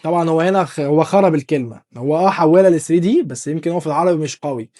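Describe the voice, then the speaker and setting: A man with an Egyptian Arabic accent hosting a casual, joking software tutorial and talking straight to the viewer. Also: on the high side, racing. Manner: chatty, joking, addresses viewer as dear artist. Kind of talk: casual screen-recorded tutorial.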